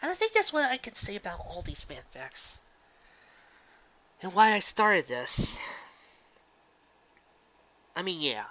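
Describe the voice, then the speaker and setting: Someone reads fan fiction live to an audience with earnest commentary, halting and emphatic, using sentimental delivery and dramatic pauses. The mid-range voice is pushed and bright with huge pitch swings, captured on a dull lo-fi home recording.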